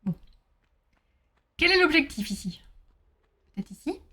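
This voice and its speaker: A woman's voice: high-pitched, sing-song, a little slow, bright, forceful tone. A woman streaming a game, chatting casually with her viewers, reading their messages aloud and bursting into exclamations.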